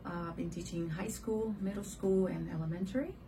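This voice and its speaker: A woman from Puerto Rico, a Spanish teacher, calmly answering interview questions. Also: fairly low pitch, fairly quick, far from the mic, noisy background. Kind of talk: interview guest.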